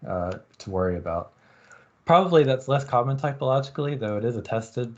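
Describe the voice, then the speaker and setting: A man lecturing at a university, explaining experiment design in a relaxed way and thinking aloud with frequent ums. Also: fairly low pitch, muffled recording.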